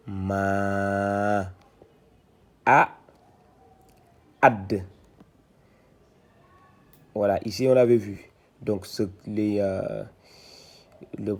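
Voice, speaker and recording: Low, gravelly male teacher from West Africa, slow and flat, drilling syllables one by one. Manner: slow, repetitive, explains then reads syllables aloud louder. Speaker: Quran reading teacher. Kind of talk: syllable-by-syllable reading lesson.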